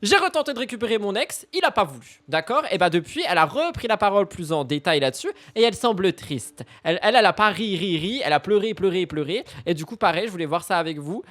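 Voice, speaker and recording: A man with a fairly high voice hosts a gossip live stream. He mocks and rants as he reacts, tossing in English phrases. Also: a bit bright. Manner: mocking, ranting, slips in English phrases.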